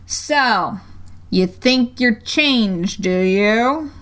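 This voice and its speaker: A woman voicing a stern male caterpillar who smokes a hookah, with a slow, drawling, curt delivery. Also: a little high, expressive, a bit bright, full character voice.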